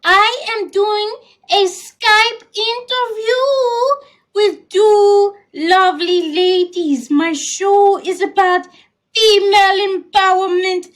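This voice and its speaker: A woman playing a glamorous, theatrical vintage-starlet talk show hostess, purring with affected, drawn-out diction. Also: very high voice, fairly even intonation, fairly bright tone, full character voice. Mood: gushing, grand. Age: over 40. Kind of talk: comedic in-character talk show hosting.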